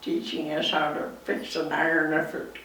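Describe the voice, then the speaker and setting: Really old canadian lady in her 90s telling memories, halting, creaky voice, super echoey room w distant mic. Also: sits low, monotone, a bit bright. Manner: halting, pausing mid-sentence. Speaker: interviewee. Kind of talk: reminiscing in an interview.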